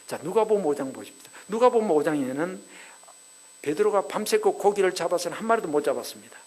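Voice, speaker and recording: A man's voice: high-pitched, slight background noise, low-quality recording. A male pastor delivering a revival sermon, telling stories and asking the congregation rhetorical questions. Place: church sanctuary.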